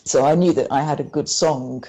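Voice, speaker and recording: A woman with a low, mellow voice speaks as a guest in a conversational interview. She talks haltingly and often stops and restarts her sentences as she recounts events. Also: steady tone, slightly rough.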